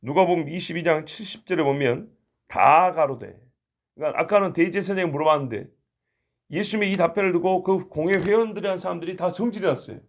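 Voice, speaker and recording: A man's voice: sits high, quick pace. A man preaching a sermon as pastor, conversational and acting out the quoted lines.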